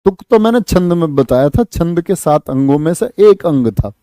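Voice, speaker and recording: A man teaching an exam-prep class, lively, asking students questions and answering them himself. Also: a little high, normal speed, dry recording. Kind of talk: online exam-prep lesson.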